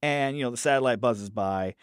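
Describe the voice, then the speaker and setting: A man talks through a film review with a middle-pitched voice, animated and restarting his phrases as he thinks aloud. The sound is dry and close to the mic, with no room echo. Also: fairly quick, smooth. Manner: animated, acts out quoted characters in raised voices. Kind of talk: casual podcast film review.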